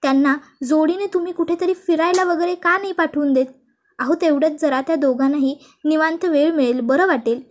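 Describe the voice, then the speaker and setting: A woman's voice: high-pitched, a little fast, lightly acted. A woman voicing a young daughter-in-law who pleads and persuades. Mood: pleading.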